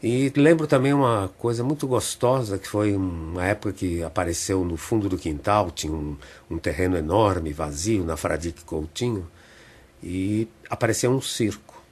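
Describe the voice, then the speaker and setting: Older husky-voiced Brazilian man reminiscing. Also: sits low, darkish tone. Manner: unhurried reminiscing, frequent tag questions. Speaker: theatre director, interview guest. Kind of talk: reflective storytelling in a radio interview. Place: radio studio.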